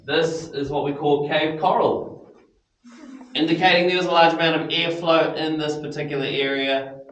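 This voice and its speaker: A man's voice: a little high, steady tone, moderate pace, fairly bright tone. A man working as a tour guide inside a cave, talking casually and instructively to a group, his voice carrying a cave echo. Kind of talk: informal guided tour explanation. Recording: echoing cave, distant mic, faint noise.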